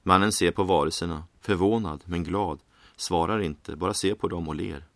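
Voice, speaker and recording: Man, story narrator, deep voice, calm measured reading, dry close recording. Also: dry recording. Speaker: audiobook reader.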